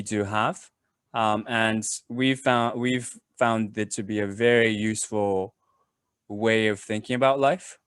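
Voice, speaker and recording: A man giving a casual webinar talk on a video call, pausing often with fillers and restarts. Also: fairly low pitch, fairly bright tone, smooth, dry recording, clean studio sound. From Japan. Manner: hesitant, many fillers and restarts. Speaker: webinar presenter.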